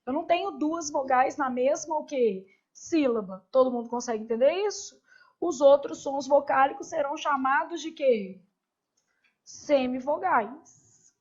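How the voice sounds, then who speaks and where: A high-pitched woman with a Brazilian Portuguese accent leads a grammar lesson. She keeps asking her students questions and answering them herself. The recording sounds a little dull and muffled. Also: moderate pace. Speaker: teacher.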